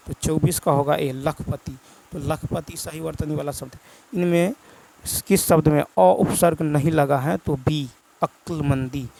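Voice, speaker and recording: A man's voice: on the high side, creaky, a little mellow, slight background noise, low-quality recording. A male teacher, with a Bihar Hindi accent, goes through exam prep answers, reading each question and then repeating the answer.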